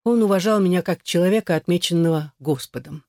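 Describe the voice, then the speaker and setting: A man reading a literary novel aloud in the first person, measured and solemn. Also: high-pitched, a little mellow, no room sound, clean studio sound. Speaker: audiobook reader.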